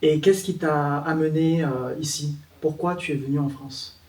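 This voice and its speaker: A man hosts an interview, asking questions in a friendly, halting way with many fillers. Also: a little high, steady tone, a little mellow, roomy sound, recorded from a distance. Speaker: interviewer, channel host. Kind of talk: casual interview.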